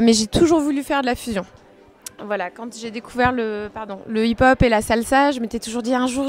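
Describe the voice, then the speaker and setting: A dancer from France answering interview questions in a loose, chatty way. She hesitates often and fills pauses as she thinks. Her voice sits on the higher side for a woman. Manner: hesitant, many fillers. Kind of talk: casual interview chat.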